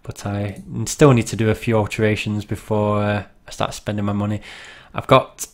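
A man's voice: lowish voice, level tone, normal speed. Rambling man commenting on a game. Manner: rambling, self-deprecating, laughs at himself. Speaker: gaming channel host.

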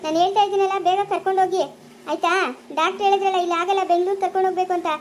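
A woman as a brisk hospital nurse who gives firm, impatient orders, with a rural Chikkaballapura Kannada accent. The voice is very high and flat, and the orders come in a hurry in a homemade family skit. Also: slight background noise. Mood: urgent firm.

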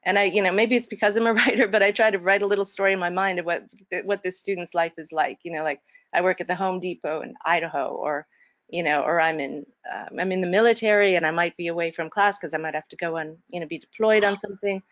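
Woman instructor, earnest reflective talker, lower voice, dry dull call audio. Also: fairly even intonation, fast, a bit bright, no echo. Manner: earnest, reflective, many fillers and restarts. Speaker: faculty instructor. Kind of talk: casual discussion in an online faculty workshop. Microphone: video call.

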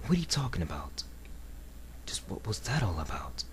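A man's voice: sits low, big pitch swings. A man voicing an arrogant, brooding hedgehog antihero from a video game, with a cold, dramatic delivery. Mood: brooding, hushed. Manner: slow, dramatic, haughty, cold. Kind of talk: video game character voice demo. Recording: noisy amateur home recording.

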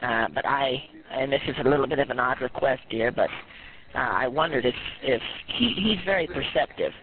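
A man's voice: mid-range voice, expressive, normal speed. A man playing a doting elderly grandmother who rambles and calls people dear, heard over a phone line. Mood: sugary. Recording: tinny noisy phone line.

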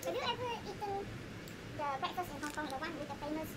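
A woman's voice: very high voice, lively intonation, fast talker, very noisy. A woman food reviewer chatting frankly with her mouth full of food. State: mouth full while talking. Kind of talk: casual chat.

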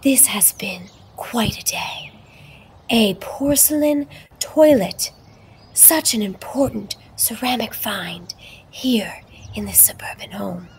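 A woman narrating in a mock nature documentary style, hushed and often whispering, solemn and dramatic. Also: mid-range voice, takes it slowly, a little hiss or hum.

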